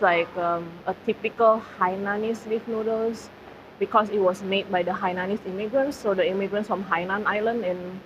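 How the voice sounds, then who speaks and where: A woman's voice: mid-range voice, a bit bright. Chatty woman streaming from a food centre. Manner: chatty, filler-heavy, talks to chat. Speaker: live streamer. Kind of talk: casual food streaming chat. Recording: slightly dull audio, faint background noise.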